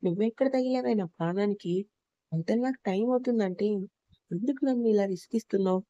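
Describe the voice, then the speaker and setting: A woman's voice: medium pitch, a little fast, mellow, no room sound, muffled recording, lightly acted. A woman voicing an irritable, short-tempered young man who snaps impatiently. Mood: irritated. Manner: snappish, impatient.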